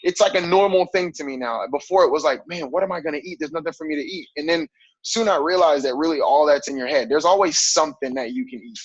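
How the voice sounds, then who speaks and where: This fitness coach in his thirties, who grew up on military bases overseas, chats casually in an interview, rambling in a relaxed way with plenty of fillers and easy laughter. His voice is a little high and husky, and he talks fast. The audio is dull but has no echo.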